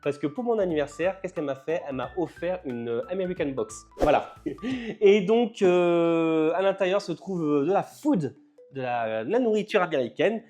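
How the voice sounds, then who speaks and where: A man's voice: on the high side, expressive, normal speed, mellow, soft background music. An older man chatting casually in a vlog, unboxing snacks, laughing and stumbling over English words. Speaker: vlogger.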